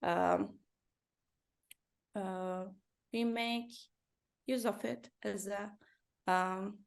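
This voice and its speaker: A woman from Turkey, a company founder and designer, answering interview questions in careful English with many pauses and fillers. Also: mid-range voice, steady tone, vocal fry, clear, resonant tone. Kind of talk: business interview.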